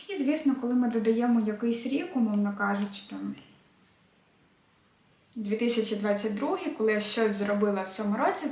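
A young woman teaching a beginners' language lesson, clearly repeating each verb form slowly for drilling. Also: mid-range voice, a little mellow, roomy sound. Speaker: Spanish teacher.

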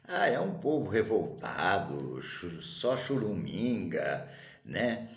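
A man's voice: low-pitched, big pitch swings, slow pace, a little mellow, voice pushed down, full character voice. A man voicing a fed-up male wanderer who complains and keeps tagging on "né?". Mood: grumbling. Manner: complaining, peppered with "né?". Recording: roomy echo.

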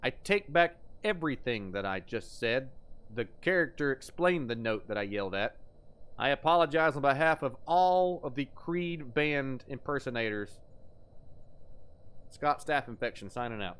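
A man hosting a live horror-game stream, joking loudly, reading in-game notes aloud and mock-crying into a desk microphone. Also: medium pitch, lively intonation, normal speed, smooth. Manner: jokey, reads in-game notes aloud, yells and mock-cries. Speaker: livestream host playing horror games. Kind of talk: casual live gameplay commentary.

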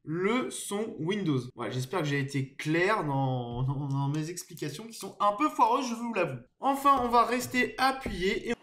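Testing a USB desk microphone at home, a tech YouTuber gives a casual, explanatory screen-share tutorial that's hesitant and packed with fillers. His high voice is animated and sharp in tone, at a moderate pace with hardly any pauses.

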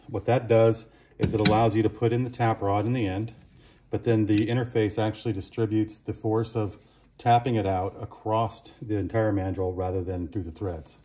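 A man's voice: on the low side, warm tone, slight background noise. A man giving a plain, step-by-step demonstration of a workshop tool in a small concrete booth, on a camera mic. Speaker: product demonstrator.

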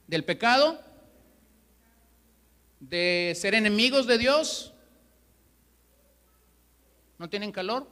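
A man's voice: high-pitched, bright, forceful tone. A man preaching a sermon as pastor, emphatic and full of rhetorical questions. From Mexico. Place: church hall. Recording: long reverb of a church hall.

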